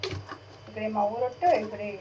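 A woman's voice: mid-range voice, takes it slowly, far from the mic. A woman cooking at home for her vlog, chatting to her pet bird and cat and scolding them in a coaxing, singsong way while she works. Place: home kitchen. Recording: loud background noise with pet cries.

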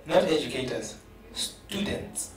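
A man's voice: mid-range voice, lively intonation, takes it slowly. A man with a South African English accent speaking earnestly on a conference panel, often repeating words as he builds a point. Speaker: panelist, professor. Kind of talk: panel discussion. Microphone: handheld mic. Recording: roomy hall from a distance.

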